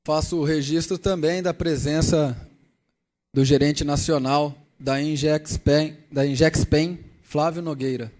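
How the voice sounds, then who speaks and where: A man chairing a session, making brisk, procedural formal announcements. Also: on the high side, steady tone, a little mellow. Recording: voice from far off the mic.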